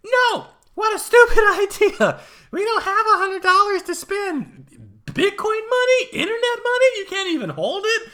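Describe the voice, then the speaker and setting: A man's voice: very high voice, sing-song, normal speed, sharp tone, voice pushed up, full character voice. A man doing a mocking impression of his scolding wife, shrieking and exaggerated. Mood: shrill scolding.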